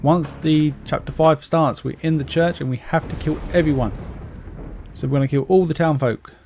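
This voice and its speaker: A video game walkthrough narrator gives casual, informal commentary, explaining each step in plain words over game music. His voice is on the high side with vocal fry and a darkish tone, at a normal speed. Slight background noise can be heard.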